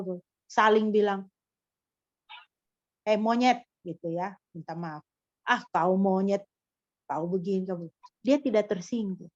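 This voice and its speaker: A woman's voice: medium pitch, dry recording, muffled recording. A woman pastor delivering a sermon in a teaching manner, often asking rhetorical questions of the congregation. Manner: didactic, with frequent rhetorical questions.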